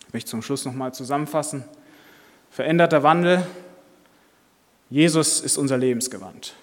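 A man's voice: medium pitch, fast. A man preaching a sermon in German, retelling a story in an earnest narrative way. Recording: long hall reverb.

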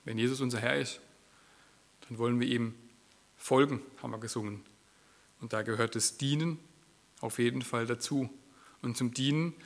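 A man preaching a sermon in church, acting out quoted lines with a shifting voice. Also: medium pitch.

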